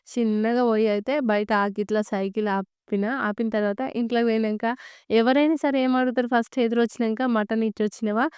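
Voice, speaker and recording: Young woman home vlogger, very smooth clear voice, flat kinda even delivery. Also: a little high, no echo, studio quality. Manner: lively, chatty, addresses viewers directly. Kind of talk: casual storytelling to camera.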